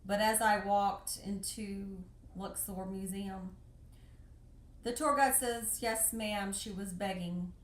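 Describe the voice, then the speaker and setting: A woman's voice: medium pitch, steady tone, slow pace, reverberant. Impassioned, emotional American woman. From United States. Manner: impassioned, pleading, repeats phrases. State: tearful, emotional. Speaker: vlogger. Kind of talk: emotional personal monologue.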